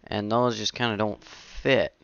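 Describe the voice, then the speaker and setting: Recorded on a headset at an indoor home gaming setup, a young man offers casual let's-play commentary in a lowish, fairly even voice at a measured pace. His tone is clean and a bit bright with no room sound, though the noisy home recording is lo-fi. He rambles, talks to himself, gets surprised easily, and sniffles a little from a runny nose.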